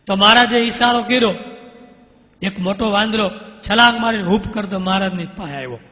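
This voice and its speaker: A man, a swami telling devotional stories in an animated way and acting out the dialogue. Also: sits high, brisk. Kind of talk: devotional storytelling sermon. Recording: long hall reverb.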